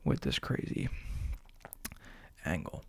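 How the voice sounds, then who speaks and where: Speaking slowly with a darkish tone, a man breathily whispers into a close studio microphone with a fuzzy cover for ASMR. He rambles casually and jokes with self-awareness, and there's no echo.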